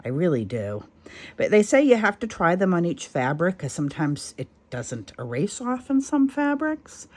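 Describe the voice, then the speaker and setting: A woman's voice: deep voice, darkish tone. A middle-aged woman chatting casually as she walks through a sewing craft project, rambling and poking fun at herself. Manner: chatty, self-deprecating, rambling asides. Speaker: craft channel host. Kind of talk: casual crafting tutorial chat.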